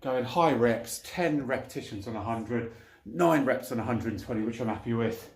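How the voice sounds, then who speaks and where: A man's voice: mid-range voice, normal speed. Man chatting between weightlifting sets, echoey room. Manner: chatty, colloquial, talking while lifting weights between heavy sets. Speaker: fitness vlogger. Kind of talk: casual training vlog talk between sets.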